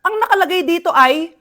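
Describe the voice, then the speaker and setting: A woman acting out comedy skits, animated and scolding as she bickers through the scenes. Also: very high-pitched. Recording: background music under voice.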